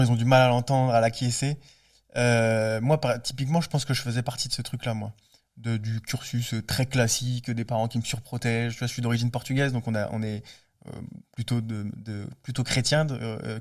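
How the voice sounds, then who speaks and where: A man hosting a casual podcast chat, who chimes in often with quick agreement and shares his own view. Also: medium pitch. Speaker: podcast host. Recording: voice from a distance from the mic.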